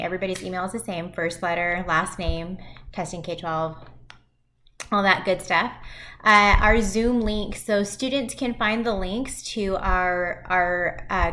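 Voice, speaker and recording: Teacher lady in her 30s, lowish voice, friendly, clicking thru class websites for parents. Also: fairly bright tone. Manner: friendly, walking through web pages on a shared screen. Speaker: high school math teacher. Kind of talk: recorded virtual back-to-school presentation.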